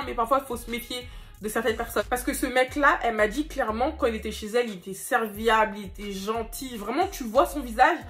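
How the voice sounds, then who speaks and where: A young woman vlogger tells a storytime in a quick, fairly high voice, animated and turning often to her viewers. Faint music plays behind her. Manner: animated, addresses viewers directly. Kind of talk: storytime vlog.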